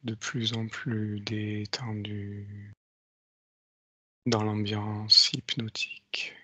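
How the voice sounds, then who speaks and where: A man guides a hypnosis induction in a slow hypnotist voice, leaving space between phrases. His mid-pitched tone is bright and clearly present, recorded very dry on a close mic. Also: completely flat delivery, dry recording.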